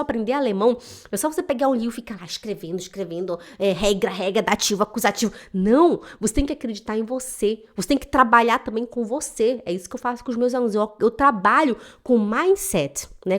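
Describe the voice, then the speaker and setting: A German teacher records a direct-to-camera motivational vlog from her Swiss home, addressing viewers with emotion and emphasis. Her voice is a little high, animated and quick.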